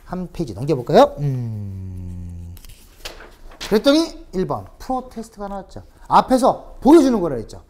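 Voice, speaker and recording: Animated woman giving a vocabulary lecture. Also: deep voice, moderate pace. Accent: Korean. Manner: lively, animated teaching with rhetorical questions and repetition. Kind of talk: recorded online lecture.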